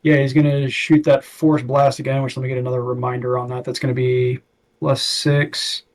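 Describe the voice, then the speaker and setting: A man's voice: mid-range voice, level tone, moderate pace. A man playing a tabletop game, chatting casually and thinking aloud as he works out his moves.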